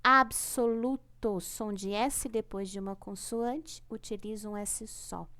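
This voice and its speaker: A woman's voice: medium pitch, steady tone, unhurried, dark tone. A woman teaching a primary class remotely with a Brazilian Portuguese accent, patient and repetitive, stretching out key words and checking in often.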